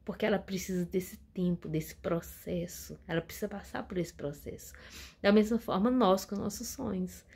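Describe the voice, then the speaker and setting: A woman's voice: mid-range voice, normal speed, gravelly, breathy edge. A woman hosting her channel, giving a casual inspirational talk to her viewers and repeating words for emphasis. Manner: warm addresses to the audience, repeats words for emphasis. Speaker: channel host.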